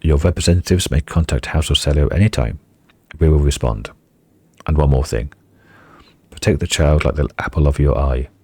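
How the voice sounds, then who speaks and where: A stern older regent of a noble house delivers grave, formal judgements, read by a man in his own voice. The tone is very deep and dark, with a slow, deliberate weight. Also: breathy edge, no room sound, exaggerated voice.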